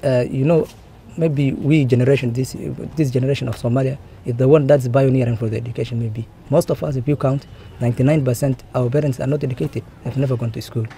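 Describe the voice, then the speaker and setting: A man answering interview questions in a measured way, often hedging with "maybe". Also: mid-range voice, steady tone, dark tone, a little hiss or hum.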